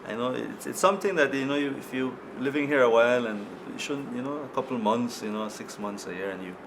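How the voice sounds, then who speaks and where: A man's voice: medium pitch, quick pace. A man with a Belizean Creole accent explains and demonstrates phrases conversationally, often tagging them with "you know". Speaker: guest teaching Creole phrases. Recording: noisy room with air-conditioning hum.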